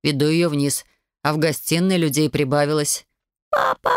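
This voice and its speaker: A man narrating a first-person audiobook. His voice sits fairly high for a man, and his delivery is earnest, measured and intimate. The studio sound is close and very dry. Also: fairly even intonation, smooth, dry recording.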